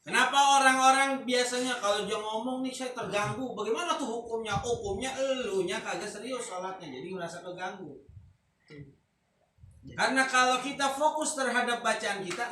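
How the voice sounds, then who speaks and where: High-voiced guy teaching religion, jokey and slangy, echoey room. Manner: relaxed, joking, mixes Arabic recitation with Jakarta-style slang. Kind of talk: informal religious lesson. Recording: echoey room, distant mic, faint noise.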